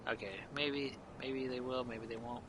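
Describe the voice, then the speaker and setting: A man's voice: mid-range voice, flat delivery, normal speed, background noise. Mumbling male game streamer. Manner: mumbling, often drops to a whisper. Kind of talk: let's play commentary.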